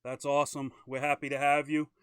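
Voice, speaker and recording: A man hosts a casual live-stream interview in an upbeat, chatty way. His voice is smooth and clear, and the sound is dry and close with little room echo. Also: mid-range voice, level tone, a little fast, a bit bright. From Maine. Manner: upbeat, chatty, plugs sponsors. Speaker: host.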